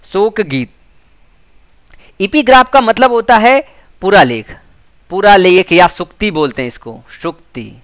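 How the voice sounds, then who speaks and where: An Indian man teaching English exam questions, explaining each answer and repeating key words, reading English sentences slowly. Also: sits high, expressive, fairly bright tone, no room sound. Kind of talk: exam prep lecture.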